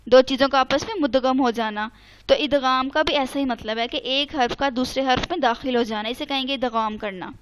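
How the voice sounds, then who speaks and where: A woman teaching an online Quran recitation lesson, patiently explaining each rule step by step, slowly spelling out letters and mixing English words into her speech. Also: high-pitched. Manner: mixes English words into Urdu.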